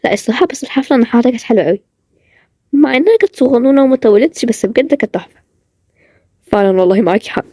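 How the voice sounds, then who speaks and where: A woman's voice: fairly high pitch, lively intonation, racing, long pauses, warm tone, dry recording, studio quality. A woman with an Egyptian accent, voicing chatty characters in a cartoon role-play series. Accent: Egyptian Arabic.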